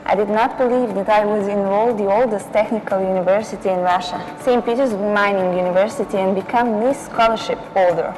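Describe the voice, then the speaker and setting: A woman reading a measured testimonial as scripted video narration. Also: mid-range voice, fairly even intonation, in a large hall, low-quality recording. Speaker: former scholarship student. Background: music.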